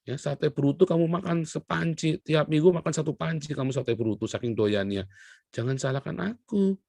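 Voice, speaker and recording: Gravelly, husky male preacher. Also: fairly high pitch, moderate pace, dry recording, clean studio sound. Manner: lively preaching, voices short exchanges with God; blunt, folksy humor. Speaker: pastor. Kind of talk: sermon.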